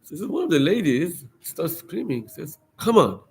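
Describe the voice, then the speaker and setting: A man teaching a class as a rabbi, telling a story in a lively way, acting out what people said, with many fillers and restarts. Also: fairly high pitch, normal speed, husky. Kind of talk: storytelling lecture.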